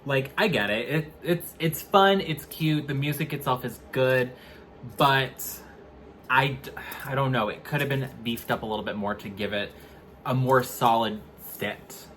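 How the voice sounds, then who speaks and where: Halting, candid man reviewing music. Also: medium pitch, fairly bright tone, slight background noise. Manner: hesitant, restarts often, candid and opinionated. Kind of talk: casual album review chat.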